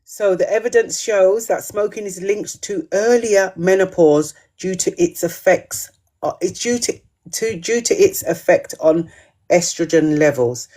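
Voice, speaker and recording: Slow, chatty woman hosting a quiz. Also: lowish voice, dark tone. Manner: chatty, reads questions twice, reacts to viewer comments. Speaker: host of a live menopause quiz. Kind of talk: live-stream quiz hosting.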